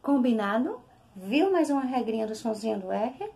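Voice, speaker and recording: Brazilian woman teacher, young, highish lively voice, unhurried child-friendly delivery. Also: vocal fry. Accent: Brazilian Portuguese. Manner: slow, sing-song, drawing out syllables for children. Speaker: primary school teacher. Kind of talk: recorded lesson for young children.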